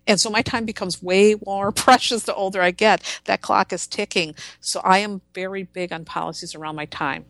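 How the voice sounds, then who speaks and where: A woman in her forties talks bluntly and with force as a podcast guest. She tells her stories in an animated, no-nonsense way. The sound is dry and close, with no room echo. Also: medium pitch, normal speed, vocal fry, hardly any pauses. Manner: blunt, emphatic, animated storytelling. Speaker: podcast guest, tarot reader. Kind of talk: casual interview chat.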